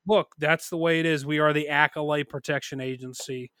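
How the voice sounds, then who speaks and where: Dry, studio-quality audio captures this early-30s podcast co-host, whose fairly high voice moves a little fast. He rambles and swears energetically through relaxed conversation.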